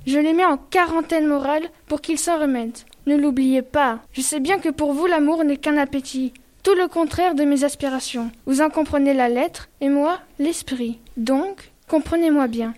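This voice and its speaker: A girl student voicing Madame Forestier, a calm, cold and poised society woman, in a school radio drama. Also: high-pitched, moderate pace, few pauses, close to an everyday voice.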